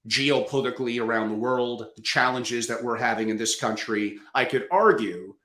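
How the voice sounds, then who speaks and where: A male host leads the interview with wry, opinionated commentary. His voice sits in a middle register and carries a clear echo from the room around him. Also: mid-range voice, moderate pace, fairly bright tone. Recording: echoey room.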